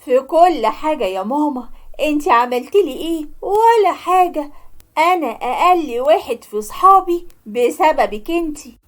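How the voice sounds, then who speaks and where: A woman's voice: high-pitched, expressive, normal speed. A woman with an Egyptian accent voicing a curt, defiant young man in a cartoon story. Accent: Egyptian Arabic. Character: defiant young man, harsh to his mother.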